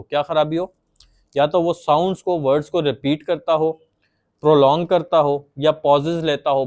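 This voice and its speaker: A man's voice: a little high, darkish tone. A man giving a patient, plain explanatory lecture on psychology, acting out stuttering examples as he goes.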